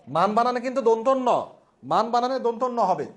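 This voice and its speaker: Male spelling teacher, high-pitched voice, slow drawn-out repetition. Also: lively intonation. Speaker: Bengali language instructor. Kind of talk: classroom lesson at a whiteboard.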